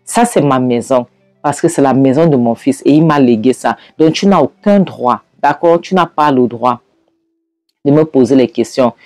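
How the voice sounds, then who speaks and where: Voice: medium pitch, moderate pace, darkish tone, no echo, clean studio sound, soft background music, natural voice. A storyteller voicing a defiant older woman who dismisses questions with scorn. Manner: combative, dismissive.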